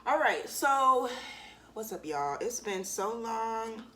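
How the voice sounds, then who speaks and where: A young woman vlogging to camera, talking in a candid, relaxed way with loose slang and lots of fillers while she eats. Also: a little high, slow pace, a little hiss or hum. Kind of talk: casual chat to camera.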